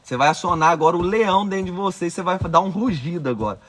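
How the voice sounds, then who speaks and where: A man's voice: sits high, racing, a bit bright. A man with a Brazilian accent guiding listeners through a visualization exercise, giving urgent, commanding directions as a course instructor. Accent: Brazilian Portuguese.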